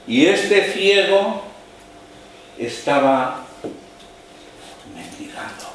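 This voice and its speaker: A man preaches slowly in a fairly high voice, dropping to near-whispers before rising to loud, raised lines. The sound is very echoey, as if in a large hall, picked up a distance with faint noise behind. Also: very animated. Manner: slow, dramatic preaching that swings from hushed to raised voice. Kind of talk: sermon.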